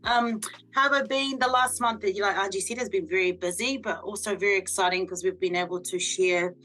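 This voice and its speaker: A woman's voice: mid-range voice, steady tone, brisk, sharp tone, low-quality recording. A woman, chatting casually as a panellist. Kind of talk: casual chat.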